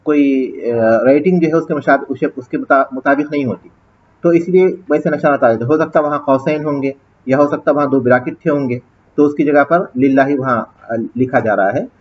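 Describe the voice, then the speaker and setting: A male teacher giving a classroom lecture, explaining grammar step by step, quizzing his students and reciting Arabic passages slowly. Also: medium pitch, dull audio. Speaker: teacher of an Islamic studies course.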